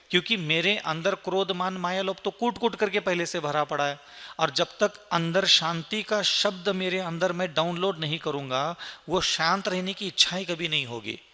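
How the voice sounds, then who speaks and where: A man's voice: a little high, sharp tone. A man, a monk, preaching to an audience in an earnest, emphatic way, using lists and rhetorical questions. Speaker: Jain monk giving a Q&A discourse. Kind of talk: sermon answering questions. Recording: long hall reverb.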